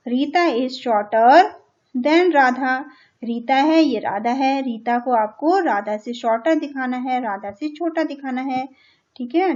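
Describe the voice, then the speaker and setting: A woman's voice: sits high, a little mellow. An Indian woman teaching a children's English lesson, patiently translating each line and checking in with "theek hai" as she goes. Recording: dull lo-fi recording.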